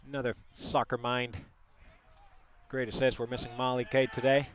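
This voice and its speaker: A man's voice: medium pitch, level tone, moderate pace. Chatty partisan male sports commentator. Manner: chatty, partisan, jokes with listeners. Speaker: play-by-play commentator.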